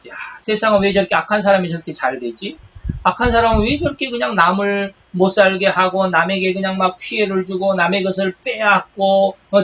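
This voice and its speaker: A man teaching Bible doctrine in a chatty, conversational way, halting often with fillers and self-corrections. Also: high-pitched, a bit bright. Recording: dull lo-fi recording with faint hiss.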